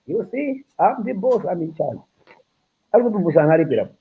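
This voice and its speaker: Man from Zimbabwe, high and quick, joking and bragging, captured on a thin phone recording. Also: very animated. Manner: boisterous, joking and boastful. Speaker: patient filming himself. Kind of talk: casual chat. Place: hospital room. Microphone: phone camera. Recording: tinny phone-like audio.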